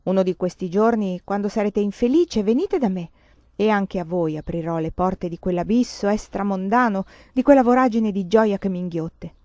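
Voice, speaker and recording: A woman's voice: medium pitch, moderate pace, a little mellow, close to an everyday voice. Brief: woman reading an eerie male doctor, cavernous and solemn, dry lo-fi storybook read. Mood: brooding. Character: eccentric morphine-dreamy male doctor, cavernous voice.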